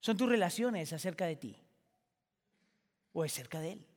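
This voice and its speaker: High-voiced pastor preaching in a hall. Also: male voice, animated, moderate pace. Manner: builds from quiet reflection to impassioned shouting. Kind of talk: sermon.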